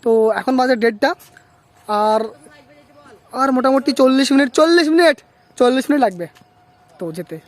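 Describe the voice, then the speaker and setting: Out on a rural road, a young vlogger from Bangladesh rides and chats to his viewers, pausing often and regularly asking "okay?" to check in. His very high-pitched voice moves fairly quickly.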